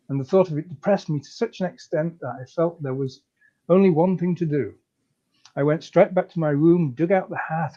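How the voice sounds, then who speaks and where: A man reads a comic story aloud in a breezy, chatty way, his voice fairly high for a man yet soft and mellow. The recording sounds a little dull and lo-fi. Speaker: story reader. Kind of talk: comic live reading of a story.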